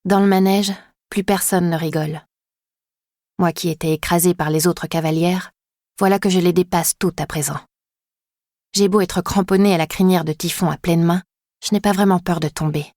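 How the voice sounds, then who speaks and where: A woman reading a first-person dark fantasy audiobook in an intense, dramatic way. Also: fairly low pitch, fairly even intonation, moderate pace, long pauses, dry recording, studio quality. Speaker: audiobook narrator. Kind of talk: first-person scripted narration.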